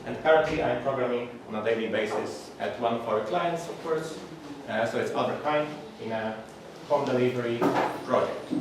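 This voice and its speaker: A man's voice: medium pitch, moderate pace, few pauses. Polish-accented man giving a talk in an echoey hall. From Poland. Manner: plain, hesitant delivery with frequent fillers and restarts. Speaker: conference speaker. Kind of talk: technical conference talk. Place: large echoey conference room. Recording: echoey hall, distant, audible background noise.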